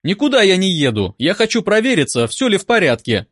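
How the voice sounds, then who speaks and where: A man's voice: sits high, huge pitch swings, a little slow, husky, dry recording, studio quality, voice pushed up, exaggerated voice. A man voicing a pushy, indignant middle-aged woman patient who talks in a demanding, snappish way.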